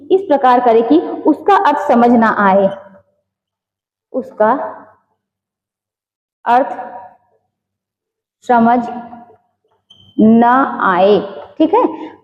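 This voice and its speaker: A woman teaching an exam-coaching class with a high voice. She dictates slowly word by word, repeats phrases and keeps asking rhetorical questions. The sound is dull and lo-fi, with a long echo from the room. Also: a little mellow.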